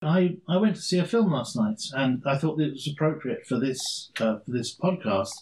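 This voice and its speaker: A man's voice: medium pitch, lively intonation, normal speed, a little mellow, a little hiss or hum, poor audio. A middle-aged man from London with an English accent, a stand-in guest telling long stories in a dry, self-deprecating way on a casual podcast. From London, England.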